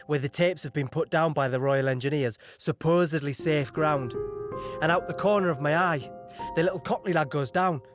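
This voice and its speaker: An actor playing a young British signaller recounting a beach landing in an audio drama, halting and shaken. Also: male voice, fairly high pitch, lightly acted. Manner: halting, shaken, recalling horror in present tense.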